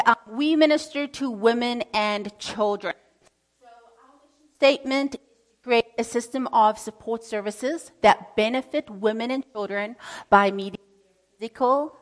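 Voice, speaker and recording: A female missionary with a booming voice addresses a church congregation in an upbeat way, thanking them warmly.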